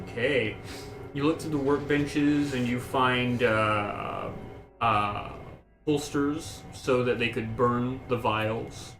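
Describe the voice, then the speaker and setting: A man as dungeon master, describing scenes in an unhurried, hesitant way with many pauses and fillers. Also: mid-range voice. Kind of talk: narrating a tabletop game. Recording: roomy mic with background music.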